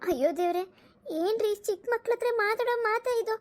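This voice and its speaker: A protective, worried mother in a cartoon, voiced by a woman pleads and gently scolds. Her voice is very high and quick. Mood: pleading.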